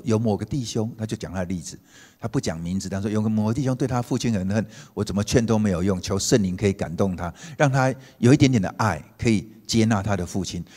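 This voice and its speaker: A lower-pitched man preaching, his voice husky and a bit rough. He tells his story animatedly, rising to emphatic peaks, then dropping to a hushed, tender tone. The sound rings with the long reverb of a church sanctuary. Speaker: pastor. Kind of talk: storytelling sermon.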